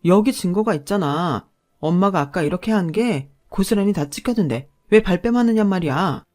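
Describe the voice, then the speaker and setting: A woman voicing an angry husband who shouts accusations at his mother. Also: on the low side, lively intonation, normal speed, close to an everyday voice.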